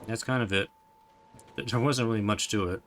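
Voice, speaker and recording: Brief: man, lowish voice, rambling gamer commentary, faint background hum. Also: a little fast, a bit bright. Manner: rambling, chatty, trails off mid-thought. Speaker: gameplay streamer. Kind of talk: casual gameplay commentary.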